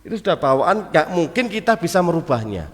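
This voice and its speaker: A man's voice: a little high, fairly quick. A man with a Javanese accent giving a casual mosque study talk, mixing in Arabic terms and acting out little everyday exchanges. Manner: lively, mixes Javanese and Arabic terms, acts out little dialogues. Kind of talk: casual sermon. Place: mosque hall. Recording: long hall reverb in a mosque.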